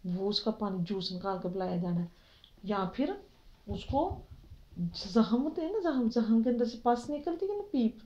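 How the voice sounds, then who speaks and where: A woman's voice: a little high, animated, warm tone. A woman with a Pakistani Urdu accent teaching children religion in an online class, often asking them questions to keep them involved. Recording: dull lo-fi audio.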